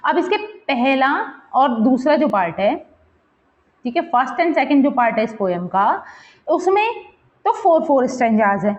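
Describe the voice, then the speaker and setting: Very animated and high-pitched, a woman teacher speaks a little slowly as she explains a poem for exam preparation. She mixes in English terms, checks in often with her students, and counts and repeats words aloud while pointing to the text.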